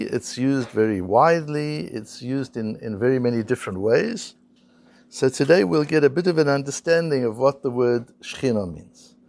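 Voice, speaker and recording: A man's voice: medium pitch, gravelly, a little mellow. A man teaching a Talmud lesson, reading Hebrew and Aramaic quotes, translating them and asking rhetorical questions. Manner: explains slowly, reads Hebrew and Aramaic quotes then translates. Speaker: Torah teacher.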